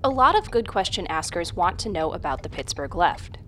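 A woman's voice: fairly low pitch, very animated, normal speed, a little hiss or hum. A woman radio host reading scripted explanatory narration for a public radio podcast.

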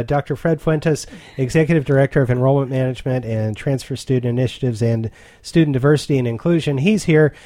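Male host, relaxed and explanatory, mellow timbre, close dry studio mic. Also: mid-range voice, no room sound. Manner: conversational, explains terms for listeners. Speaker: radio host. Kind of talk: interview.

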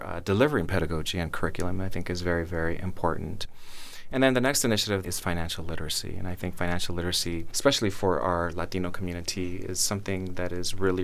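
A man speaking as an interviewed schools official, earnest and measured, often repeating words for emphasis. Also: low-pitched, fairly bright tone, clean tone. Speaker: county schools superintendent being interviewed. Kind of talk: prepared interview answers.

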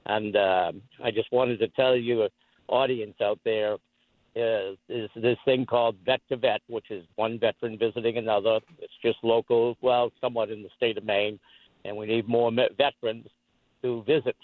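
A man calling in to a show over the phone, talking in a rambling way with many pauses and fillers. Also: on the low side, steady tone, no echo. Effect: heard over the phone. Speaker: call-in caller. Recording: tinny phone line.

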